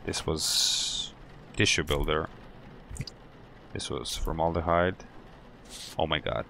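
A man's voice: rumbling low, fairly even intonation, slow, gravelly, bright, forceful tone, a little hiss or hum. A man hosting a horror game playthrough, jumpy and swearing, talking to himself and to the game as he plays. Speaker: gaming channel host. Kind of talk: let's play commentary.

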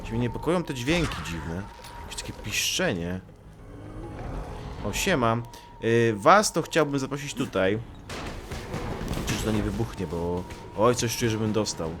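A man commentating his own gameplay in a joking, chatty way, his pitch swinging widely. He teases the enemies on screen as he goes. Clear noise sits under his voice. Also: sing-song, unhurried, long pauses. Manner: joking, talks to the enemies he fights. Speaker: gaming YouTuber. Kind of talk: Let's Play commentary.

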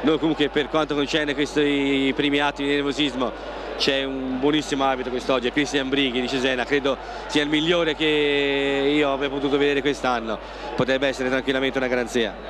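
A man's voice: medium pitch, little pitch movement, a little fast. A man giving live analysis as co-commentator at a football match, speaking in emphatic phrases. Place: outdoor football stadium stand. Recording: noisy outdoor stadium TV broadcast.

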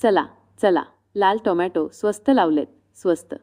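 A woman voicing a tired farmer father who forces himself to hawk tomatoes loudly. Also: fairly low pitch, moderate pace, natural voice. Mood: weary. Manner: forced loud hawking.

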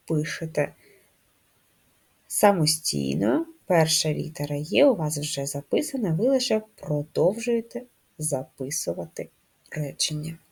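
A woman's voice: deep voice, darkish tone. A woman teaching a first-grade handwriting lesson, giving patient, carefully spelled-out instructions to children. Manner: slow, patient, clearly articulated instructions.

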